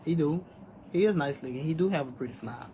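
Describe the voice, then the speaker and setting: On a live stream filmed by a phone at arm's length in a small room, a man in his twenties responds to chat candidly and defensively. His voice is on the high side but dark in tone, with a quick pace and slight background noise.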